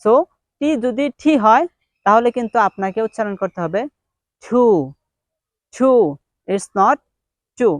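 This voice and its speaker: A woman teaching English pronunciation with a Bengali accent, speaking slowly and repeating each word several times. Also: mid-range voice, no echo. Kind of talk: slow spoken lesson, mixing English and Bengali.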